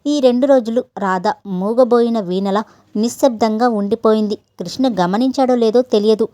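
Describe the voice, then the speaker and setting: A woman storyteller giving a steady, expressive scripted narration of a story. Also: a little high, normal speed, no room sound.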